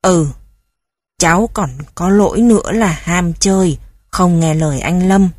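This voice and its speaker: A commanding old grandfather's spirit from a spoken storybook, grave and slow with the children he scolds, voiced by a woman. The voice is husky and close, with a dry, dead sound around it. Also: fairly low pitch, a little mellow, no echo. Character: stern caring old grandfather ghost.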